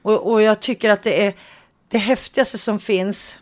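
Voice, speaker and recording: A middle-aged woman co-hosting a casual chat, emotional and excitable, laughing easily. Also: medium pitch. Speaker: co-host.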